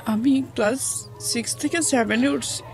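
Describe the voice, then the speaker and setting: A woman with a colloquial Bangladeshi accent, an interview guest telling her life story, recounts events plainly and quotes what others said. Her voice is on the high side, a little slow and gravelly, with music playing under it.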